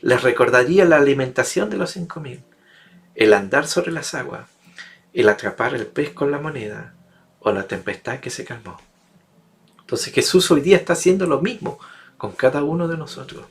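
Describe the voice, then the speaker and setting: A man's voice: mid-range voice, expressive, normal speed, creaky. A male preacher delivering a sermon, emphatic and building repetitive rhetorical lists.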